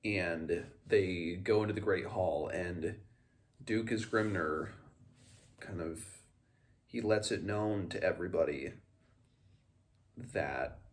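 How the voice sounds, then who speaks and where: Hosting an informal recap of a book, a man speaks in a fairly low voice. His commentary on the story wanders and stalls, and he keeps circling back to reword things.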